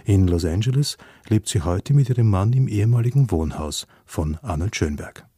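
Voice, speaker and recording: A man narrating a scripted radio feature in a measured, formal manner. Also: lowish voice, expressive, dark tone, husky, no echo, studio quality.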